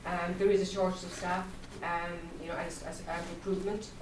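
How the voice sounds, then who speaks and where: A woman's voice: on the low side, little pitch movement, fairly quick. A woman, answering informally at a public meeting. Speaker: care service representative. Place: hotel function room at a public event. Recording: echoey room, distant mic, faint noise.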